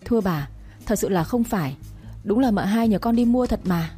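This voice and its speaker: Meek frightened young wife as a woman voices her, tearful, pleading, raised pitch, soft music under. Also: expressive, moderate pace, lightly acted.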